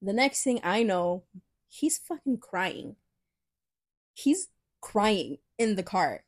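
A young woman co-hosting a podcast, telling a story in casual chat, animated and profane, often laughing. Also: medium pitch, slow. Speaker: podcast co-host.

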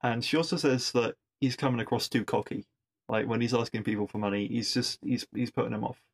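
Man, podcast host, casual episode recap, mid-pitched voice, wry asides, repeats words while thinking. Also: fairly even intonation, brisk, gravelly, husky.

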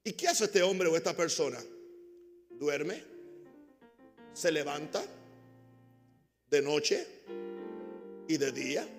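A high-pitched male pastor delivers a sermon, calling out lines for the congregation to repeat. He shifts between loud, emphatic bursts and quiet, almost muttered asides. The voice rings out in a reverberant hall with soft instrumental music underneath. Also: expressive, slow pace, pauses often. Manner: preaching with call-and-response to the congregation.

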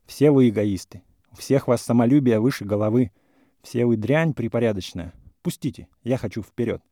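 A man voicing a sharp-tongued, mocking young woman in a classic story reading, with an ironic, teasing manner. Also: medium pitch, moderate pace, dry recording, clean studio sound, close to an everyday voice. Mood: scornful. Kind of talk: audiobook character reading.

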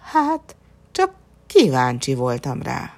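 A crafty, good-humoured peasant from a storybook folk tale, read by a woman. He speaks low and calm, with a lively, teasing lilt that hides how much he knows. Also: exaggerated voice. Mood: sly. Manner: sly and easygoing. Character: poor cunning male peasant, cheeky and calm.

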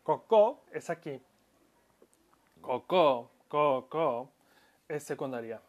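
A man's voice: on the high side, expressive, takes it slowly. A man giving a spoken language lesson, explaining pronunciation patiently and stretching out example words, with frequent restarts. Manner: calls himself audio-lesson maker, addresses listeners. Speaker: Japanese language teacher.

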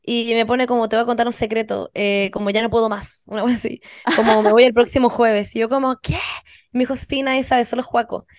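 A young woman with a Chilean Spanish accent retelling chat messages to friends on a video call, casual and animated. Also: fairly high pitch, fast, no room sound.

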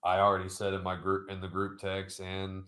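Deep-voiced man rambling through sports talk. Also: completely flat delivery, moderate pace, pushed and bright. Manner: rambling, heavy with fillers and hedges. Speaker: podcast co-host. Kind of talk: casual sports chat.

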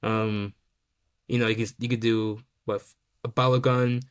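A man's voice: lowish voice, little pitch movement, unhurried, smooth. A man hosting a casual sports podcast, talking loosely with lots of fillers and restarts. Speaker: podcast host.

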